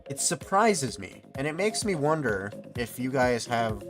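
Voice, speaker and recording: A man in his twenties streams a game while chatting and rambling casually, cursing now and then. His medium-pitched voice has a sing-song lilt and a measured pace, with game music playing underneath.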